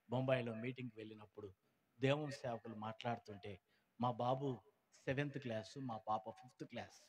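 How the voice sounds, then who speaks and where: Male testimony speaker, dramatic delivery with sudden loud peaks and soft drops, mid-range voice. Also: mid-range voice. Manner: dramatic, swings between loud outbursts and hushed lines; acts out quoted people in changed voices. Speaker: testimony speaker at a gospel meeting. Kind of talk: emotional church testimony. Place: church meeting.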